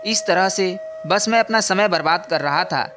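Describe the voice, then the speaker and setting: A man voicing a young prince in a storybook, calm and reflective, speaking in a steady, earnest way. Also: high voice, normal speed, background noise, close to an everyday voice. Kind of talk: scripted storybook narration.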